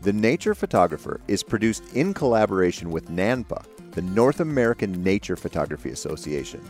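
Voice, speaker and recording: Deep-voiced man announcing a show. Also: very animated, brisk, a little mellow. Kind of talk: scripted show intro. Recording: faint music underneath.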